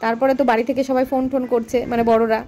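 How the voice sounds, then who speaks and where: A woman's voice: fairly high pitch, flat delivery, rapid-fire. A woman, chatting to the camera about her household routine in a casual vlog. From West Bengal, India. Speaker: lifestyle vlogger. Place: family home, indoors and on the road. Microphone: handheld phone camera. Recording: home recording with loud background noise.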